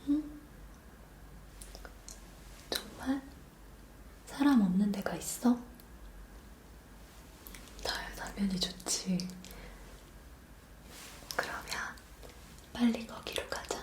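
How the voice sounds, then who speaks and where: A woman whispering gently and affectionately in a roleplay ASMR, talking softly to the listener. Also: medium pitch, very slow, pauses often, reverberant. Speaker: ASMR creator.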